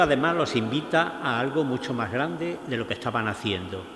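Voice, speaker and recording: A man with an Andalusian Spanish accent preaches a Lenten sermon in a large church. His voice sits at an ordinary pitch and rings through the room with a long, echoey reverb. He speaks slowly and reflectively, often pausing on rhetorical questions. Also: a bit bright. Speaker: priest giving a Lenten lecture.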